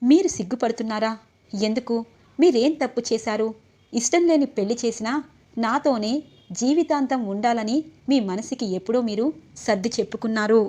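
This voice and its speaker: A woman's voice: on the high side, moderate pace, mellow, natural voice. A woman reading the part of a playful, devoted young wife in a retold serial scene. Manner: teasing, then tender.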